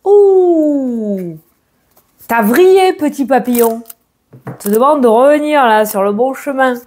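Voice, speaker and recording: A woman's voice: high voice, expressive, slow, darkish tone. A woman doing a casual tarot and oracle card reading, chatting straight to the viewer and often correcting herself mid-sentence.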